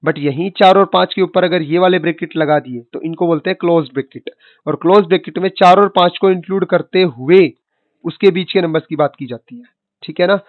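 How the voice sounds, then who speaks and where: A man's voice: high-pitched, fairly quick, dry recording. A male maths teacher giving an online lecture in a chatty way, calling his students kid and boss and asking their questions for them. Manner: voices students' questions, then answers them. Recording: dry, tinny phone-like sound.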